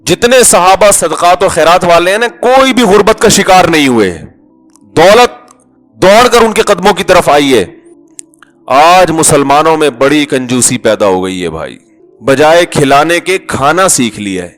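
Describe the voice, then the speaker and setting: A man's voice: fairly high pitch, animated, fairly bright tone, faint music behind. A male Islamic preacher giving a conversational sermon. He jokes, asks the listeners rhetorical questions and acts out small everyday dialogues.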